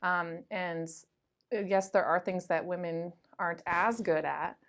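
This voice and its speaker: A woman in her late thirties, a school resource officer, telling lively anecdotes in a casual interview, with lots of "like" and "um". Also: on the low side, unhurried. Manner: chatty, lively anecdotes with frequent "like" and "um".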